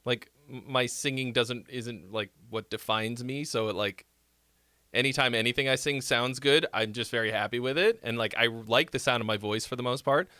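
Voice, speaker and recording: A nasal-voiced man hosts a live song critique stream, giving casual feedback as he rambles with lots of fillers and restarts. His voice is mid-range and sharp at a normal speed, and the recording is dry.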